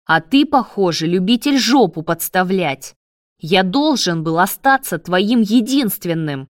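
A woman voicing a jealous, furious man who rages and shouts crude insults at his lover. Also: mid-range voice, expressive, a little slow, no echo, clean studio sound, lightly acted.

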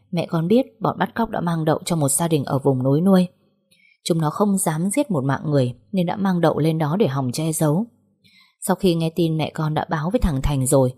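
A woman voicing a grieving middle-aged father in an audiobook, speaking in a plain, even way. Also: low voice.

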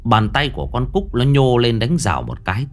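Man, ghost story narration, dramatic, lively intonation. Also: mid-range voice, a little fast. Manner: dramatic, lingering on eerie details.

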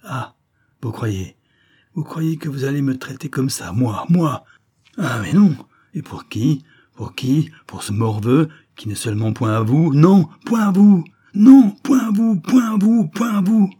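A man reading aloud and voicing a fierce old female servant, with shrill, furious outbursts. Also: little pitch movement, moderate pace, hardly any pauses, mellow, close to an everyday voice.

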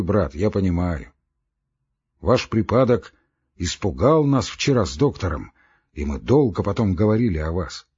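A sentimental old postmaster who fusses over his friend in a husky, pleading murmur, as a male narrator puts him on. The recording is dull and lo-fi. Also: lowish voice, a little mellow, heavily acted. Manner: tender and coaxing to his friend, barking at staff.

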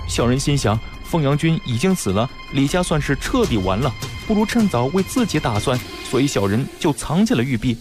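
A man's voice: on the high side, darkish tone, voice pushed up, close to an everyday voice. A man putting on a frantic, pleading servant. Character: frightened male servant pleading innocence.

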